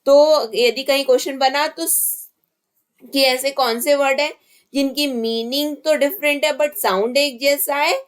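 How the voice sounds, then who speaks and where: A young adult woman with an Indian accent, teaching an online exam-prep lesson and slowly repeating each point in mixed Hindi and English. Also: high voice, steady tone. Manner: slow, repetitive explaining in mixed Hindi and English.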